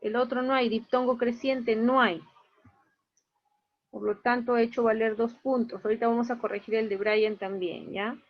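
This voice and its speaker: A woman's voice: a little high, steady tone, normal speed, lo-fi sound. A woman teaching an online class, going through her students' grades one by one and explaining each mark in a plain, matter-of-fact way.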